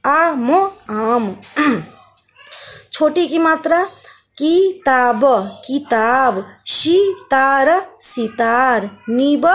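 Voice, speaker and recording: A woman's voice: sits high, darkish tone. A woman teaching a children's Hindi lesson, patiently sounding out syllables and stretching the vowel sounds. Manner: patient, drawn-out sounding of syllables, calls listeners beta. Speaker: primary school teacher.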